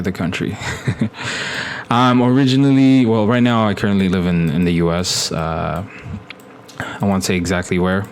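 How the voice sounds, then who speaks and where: Young man from Ethiopia, casual stream chat, lowish voice, faint background hum, drifts off the mic. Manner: rambling, many fillers and restarts, laughs at own jokes. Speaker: live streamer. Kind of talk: casual live-stream storytelling.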